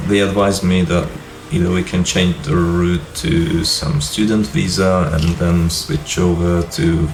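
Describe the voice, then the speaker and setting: A man in his fifties, originally from Hungary, hosting his own vlog and telling his life story in a relaxed, rambling way. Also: low-pitched. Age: 50s. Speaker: YouTube channel host. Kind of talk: casual personal vlog talk. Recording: echoey room with music behind.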